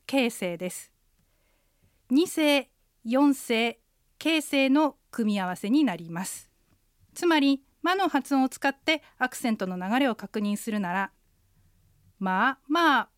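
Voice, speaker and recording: A woman co-hosting a radio language lesson, speaking clearly and carefully and repeating sounds for learners. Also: a little high, no echo, clean studio sound.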